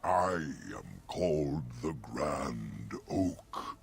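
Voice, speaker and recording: A man voicing an ancient, gentle, solemn talking oak tree in a fantasy game, speaking archaic rhyming couplets. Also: rumbling low, sing-song, drawn-out words, gravelly, exaggerated voice. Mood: apologetic, courteous.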